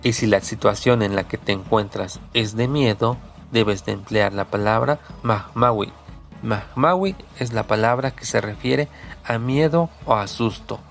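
A man's voice: on the low side, a little slow, vocal fry, faint music behind. A man teaching a recorded language lesson, speaking patiently and repeating each word three times for the learner.

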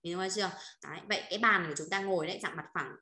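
A woman's voice: fairly low pitch, rapid-fire, bright, forceful tone, reverberant. A woman teaching Chinese vocabulary, repeating points and checking often with her students. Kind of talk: online vocabulary lesson.

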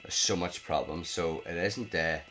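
A Northern Irish gaming vlogger, at home at night, gives live commentary on a mobile game. His deep voice is pushed and bright with fairly even intonation at a moderate pace, and he sounds exasperated, muttering and swearing at the screen over soft background music.

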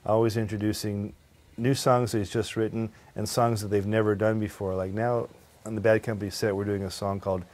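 A man's voice: on the low side, flat delivery, brisk, darkish tone. A man from California, a guitarist being interviewed at his home, chatting casually, laughing often and acting out little quoted lines as he tells stories. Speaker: guitarist guest. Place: at his home estate by the pool.

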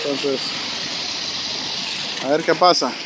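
A man films a casual walking vlog on a handheld phone along a snowy city street, chatting straight to his viewers and often saying "¿verdad?". His voice is fairly high with a steady tone and a slow pace. Street noise and passing traffic fill the background.

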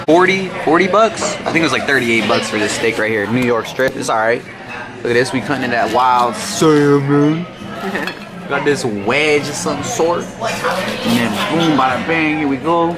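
A man's voice: mid-range voice, measured pace, over music. A young man chatting casually to camera, joking and laughing often. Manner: laid-back, jokey, laughs often. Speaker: vlogger. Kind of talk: casual vlog chat.

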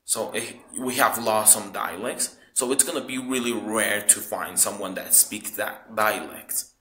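A Mexican man, a local tour guide whose first language is Spanish, answering interview questions in halting English full of "like". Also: on the low side, bright, forceful tone, roomy sound, rough recording. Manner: halting non-native English, frequent "like".

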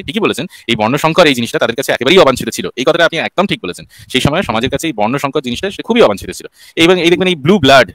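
Fast-talking man lecturing a caller. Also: medium pitch, a bit bright, dry recording. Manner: lecturing, argumentative, piles up examples and rhetorical questions. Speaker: host answering a caller. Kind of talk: call-in religious debate.

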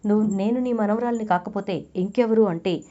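A woman's voice: medium pitch, brisk, dark tone, lightly acted. A woman voicing a scheming young granddaughter who answers evasively and defensively, over a dull lo-fi recording.

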